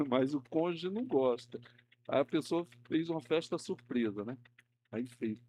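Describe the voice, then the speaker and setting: A man's voice: on the high side, animated, measured pace, dark tone, slight background noise. A man teaching a Sunday school class, chatty and conversational, often checking in with his listeners and acting out the people in his stories. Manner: conversational, uses tag questions like "né?" often; acts out quoted people in a raised voice. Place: church classroom.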